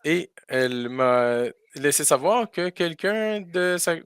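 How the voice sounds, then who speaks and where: A man's voice: fairly high pitch, animated, takes it slowly, fairly bright tone, clear, resonant tone, no room sound. A man doing live spoken interpretation for a school farm tour, hesitating often with fillers and restarts.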